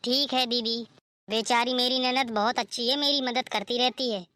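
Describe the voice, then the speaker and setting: A woman's voice: a little high, fairly even intonation, normal speed, sharp tone, no room sound. A woman voicing a polite, apologetic young daughter-in-law in a cartoon story.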